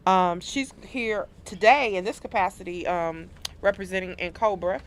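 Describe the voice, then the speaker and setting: Lady radio host, mid pitch, chatty and informal, asking guests about their work. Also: moderate pace. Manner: informal, conversational. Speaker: community radio show host. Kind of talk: casual radio interviewing.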